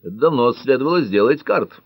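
A man's voice: mid-range voice, expressive, brisk, no echo, highs cut off, pitched above the performer's own voice. A man reading an audiobook, voicing a stubborn middle-aged police chief in a firm, insistent way.

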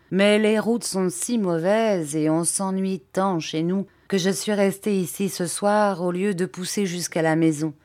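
A woman's voice: fairly low pitch, a little mellow, close to an everyday voice. A woman reading the lines of a confident, easygoing young male student in an audiobook, in a breezy, cheerful way.

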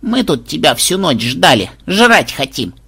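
A man voicing a brash, bossy old grandmother with a gravelly, husky voice. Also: on the high side, sing-song, a little slow, sharp tone, full character voice. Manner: rough, bossy, mocking. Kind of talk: audiobook character voice.

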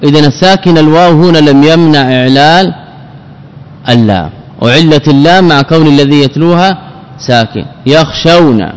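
A man teaching a grammar lesson, repeating word forms slowly and putting questions to himself before answering. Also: on the high side, clear, resonant tone. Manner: repeats words, drills forms, asks and answers own questions. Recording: long hall reverb.

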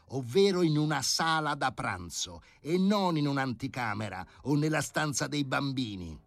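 A man's voice: medium pitch, dry recording, pitched above the performer's own voice. A man reading an audiobook, voicing an indignant aging male professor who speaks with haughty, scornful politeness.

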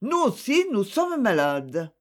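Snooty middle-aged lady giving orders, curt and commanding, lively pitch, read out by a narrator. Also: takes it slowly. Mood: haughty. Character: haughty, sharp-tongued middle-aged woman.

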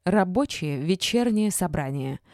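A woman reading an audiobook, voicing a spiteful, mocking young woman who taunts and bosses people around with a drawn-out sneer. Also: mid-range voice, expressive, warm tone, no echo, studio quality, natural voice. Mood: indignant. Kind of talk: audiobook character voice.

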